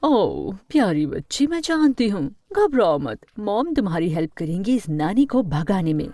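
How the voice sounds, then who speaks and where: A woman voicing a scheming, cruel rich mother in an animated story, scornful and commanding. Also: mid-range voice, normal speed, breathy edge, no room sound.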